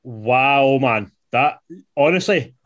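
A Scottish-accented podcast producer in his late twenties takes it slowly while hosting a quiz in casual football banter. His medium-pitched voice is expressive, with a fairly bright tone.

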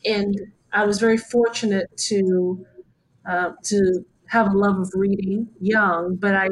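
A woman's voice: medium pitch, steady tone, rough recording. A woman in her late forties, an activist and writer, speaking thoughtfully as an interview guest. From United States. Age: 40s. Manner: thoughtful, measured, with fillers. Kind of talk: interview conversation.

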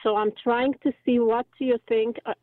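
A woman's voice: fairly high pitch, steady tone, no echo. Woman in her fifties on car speakerphone. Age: 50s. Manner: hesitant, halting with many fillers. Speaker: caller. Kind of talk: call-in question to a radio show. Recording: tinny phone line from a car.

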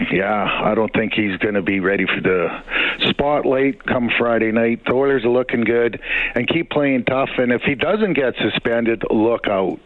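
A man's voice: medium pitch, no echo, narrow, tinny audio. Older guy phoning sports radio, medium voice, opinionated, thin dry phone audio. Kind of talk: casual opinionated sports talk.

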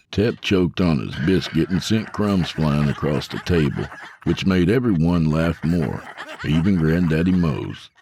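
A man narrating an audiobook with expressive storytelling, giving each character a voice. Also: very deep voice, unhurried, a little hiss or hum.

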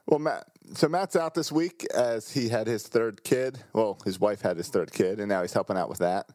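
A man's voice: on the low side, normal speed, a little mellow, dry recording. A male podcast co-host chatting casually with dry, teasing humor. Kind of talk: casual chat.

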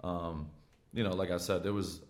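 Deep-voiced American frat-bro guy. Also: fairly even intonation, moderate pace. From Michigan, USA. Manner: frat-bro talk, slangy and profane, with bro and dude. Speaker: pro football player on his own podcast. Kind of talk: casual podcast chat.

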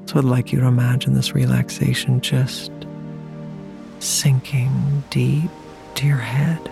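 A meditation host guiding a relaxation hypnosis in a soothing, deliberate way with long pauses. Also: mid-range voice, level tone, gravelly. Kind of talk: slow guided relaxation hypnosis narration. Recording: music playing behind the voice. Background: music.

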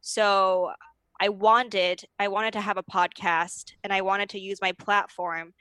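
A slightly hungover woman, speaking casually and candidly in an interview, sometimes halting. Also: mid-range voice, flat delivery, fairly bright tone, clean tone, no room sound. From United States. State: a little hungover. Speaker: podcast host and comedian, as a guest.

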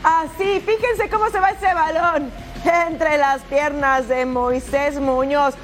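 High-pitched woman presenting sports. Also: steady tone, slow pace, soft background music. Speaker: sports show host. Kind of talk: presenting goal highlights and sports news.

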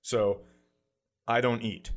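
This comedian, a guest on a podcast, speaks slowly in a mid-range voice while telling a laid-back funny story at his own expense. He brings it to life by performing the quotes of the people involved.

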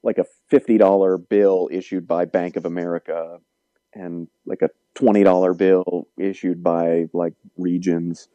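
A man, an economics professor, explaining policy in a measured, lecturing way during an interview. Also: deep voice, level tone, no echo, lo-fi sound.

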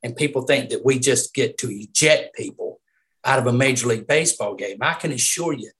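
A man's voice: mid-range voice, fairly quick, fairly bright tone. A middle-aged man with a Southern US accent, a retired umpire talking as a guest in a casual interview. He tells stories emphatically and laughs often.

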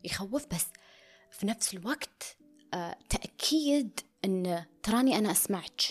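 A woman's voice: medium pitch, lively intonation, normal speed, breathy edge, faint music behind. A woman speaking in an intimate, confessional way, often dropping to a near whisper and slipping into English phrases. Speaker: vlogger. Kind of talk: personal confessional monologue.

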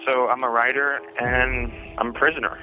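A man's voice: medium pitch, level tone, normal speed, over music. A man calling in on a prison payphone, giving a casual spoken update in a rambling way, full of "you know" and "like". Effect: payphone call from prison. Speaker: incarcerated writer calling in. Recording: tinny dry phone line.

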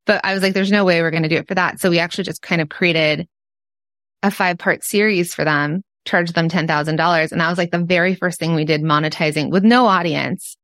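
A woman's voice: fairly low pitch, fairly even intonation, brisk, a bit bright, dry recording, clean studio sound. A woman with a Californian Valley Girl accent, chatting candidly and informally as a podcast guest. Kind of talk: casual interview chat.

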